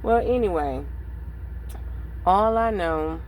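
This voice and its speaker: A woman's voice: on the low side, lively intonation, takes it slowly, a little mellow, a little hiss or hum, rough recording. A woman in her thirties talking bluntly and profanely in a rambling casual vlog monologue. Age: 30s. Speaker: vlogger.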